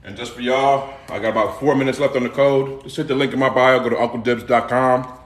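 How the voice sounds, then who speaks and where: A middle-aged man with a Houston, Texas accent chats loosely to his livestream viewers from his kitchen. He is laid-back and repeats himself, at a middle pitch for a man. The room gives his voice a roomy echo. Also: fairly even intonation, fairly quick. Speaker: livestream cooking host. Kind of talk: casual live-stream chat. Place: home kitchen.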